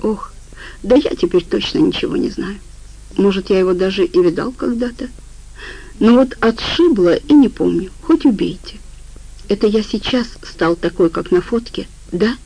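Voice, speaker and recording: Woman voicing a confused man, flustered and uncertain, mellow tone, audiobook reading. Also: mid-range voice, animated, moderate pace, slightly rough, poor audio. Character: confused, indignant young man with lost memory.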